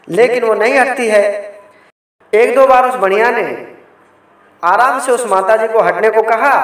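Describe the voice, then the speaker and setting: A man narrating a folk tale as a storyteller, often calling out to his listeners and stopping to explain customs along the way. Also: high voice. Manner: keeps addressing listeners while narrating. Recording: very echoey, from far off the mic.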